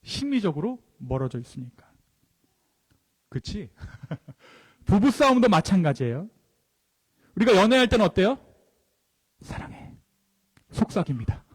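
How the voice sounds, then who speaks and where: A male pastor preaching a sermon, asking the congregation questions and answering them himself, often trailing off into soft low endings. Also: very animated, normal speed, long pauses, slightly rough. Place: church sanctuary. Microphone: handheld or stand mic. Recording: long church reverb.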